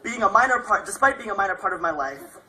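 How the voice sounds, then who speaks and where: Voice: mid-range voice, expressive, fast talker, noisy background. A young adult speaker delivering a prepared graduation speech as a graduating student.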